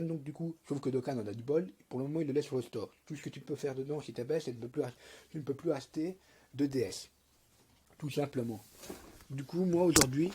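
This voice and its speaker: A man's voice: mid-range voice, dark tone, slight background noise. A young man, a lisp and a congested, cold-affected voice, giving a rambling, slangy, hesitant tutorial commentary on a mobile game. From Belgium.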